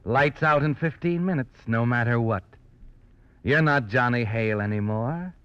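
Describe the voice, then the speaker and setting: A man's voice: medium pitch, moderate pace, fairly bright tone, clean tone, no room sound, natural voice. An actor playing a grave male narrator of a crime story, in dramatic 1940s radio style. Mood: grave, ominous. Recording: dull old radio recording.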